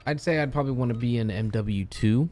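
A man's voice: mid-range voice, fast, soft background music. A man streaming a shooter game, laid-back and joking, swearing under his breath as he plays. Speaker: gaming streamer. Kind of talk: casual live gameplay commentary. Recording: game gunfire loud behind voice. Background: gunfire from the game.

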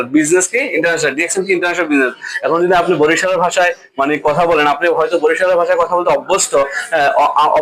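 A man's voice: sits high, a bit bright, poor audio. A man giving a motivational seminar talk on network marketing, mixing in English words and asking the audience questions that he then answers himself. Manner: asks the audience rhetorical questions and answers them; mixes English words into his speech.

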